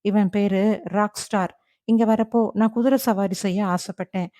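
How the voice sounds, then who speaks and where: A woman's voice: medium pitch, fairly even intonation, normal speed, warm tone, no echo, clean studio sound, close to an everyday voice. Woman reading as confident young husband. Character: young newlywed husband, assured and doting. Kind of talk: audiobook character voice.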